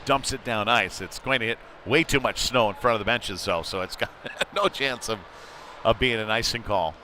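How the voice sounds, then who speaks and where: Calling an amateur hockey game live, this man keeps things informal and chatty, getting excited when play intensifies. He speaks at a moderate pace in a lowish voice, and a little hiss or hum is audible.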